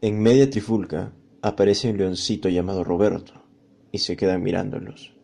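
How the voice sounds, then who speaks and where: A man with a deep, gravelly, dark voice narrating a children's fable. He reads in a calm, measured way.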